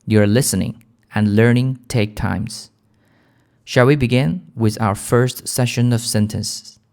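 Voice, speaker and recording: A man with a British accent leading a shadowing lesson for English learners in a calm, gentle, clear manner. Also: medium pitch, slow pace. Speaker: English teacher.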